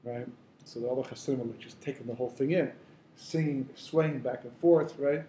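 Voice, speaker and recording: Brief: male rabbi lecturing informally, warm tone, echoey room. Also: mid-range voice, a little fast, slight background noise. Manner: conversational, storytelling, many fillers and asides. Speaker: rabbi teaching the weekly Torah portion.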